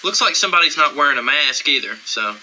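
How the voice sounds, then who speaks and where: A man's voice: a little high, expressive, fast, pushed and bright, lo-fi sound, slight background noise. A man co-hosting a casual show, joking crudely and laughing often as he comments on a film trailer. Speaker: podcast co-host.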